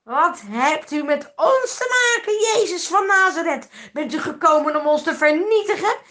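A woman shouting as a shrieking possessed man. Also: very high-pitched, lively intonation, moderate pace, a little hiss or hum, pitched above the performer's own voice, full character voice. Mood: hostile shrieking.

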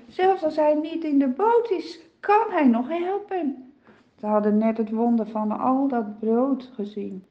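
A woman telling a Bible story to children in an expressive, vivid way. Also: sits high, highs cut off.

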